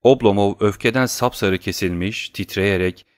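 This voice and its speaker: Low-voiced male audiobook narrator. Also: clean tone, dry recording, clean studio sound. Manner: measured, even reading. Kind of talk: scripted narration.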